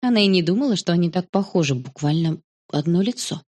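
A woman narrating a children's story in a calm, even storytelling manner. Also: lowish voice, quick pace.

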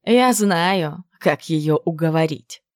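A woman's voice: low-pitched, no room sound, studio quality. A woman doing a cool, scheming young ringleader. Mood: sly. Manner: commanding, measured, sly.

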